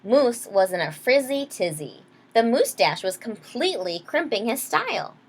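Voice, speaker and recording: A teacher reads a picture book aloud for young children, pausing to explain simply and ask questions. Her fairly high voice is husky and very animated, moving at a moderate pace.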